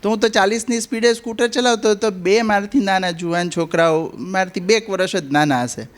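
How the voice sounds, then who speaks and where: A man's voice: sits high, brisk. A middle-aged man with a Gujarati accent, telling funny anecdotes to an audience and building each one up to its punchline. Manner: storytelling with rising punchlines. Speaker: comic speaker at a spiritual gathering. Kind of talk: humorous anecdotes told to an audience.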